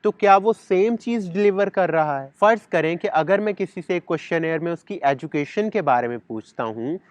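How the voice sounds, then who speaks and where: Outdoors in a garden, a man delivers a sociology lecture meant to explain, sprinkling in English terms and repeating key words. His voice sits high and is expressive, moving at a moderate pace on a dry recording.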